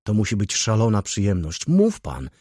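A man voicing an impetuous young scientist who presses with excited questions in an audiobook. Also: lowish voice, measured pace, breathy edge, no echo, clean studio sound, exaggerated voice. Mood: eager.

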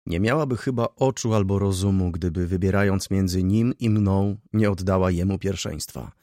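A man voicing a brooding, jealous middle-aged merchant who thinks gloomily and explains calmly in an audiobook. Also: low voice, normal speed, no echo, studio quality, natural voice.

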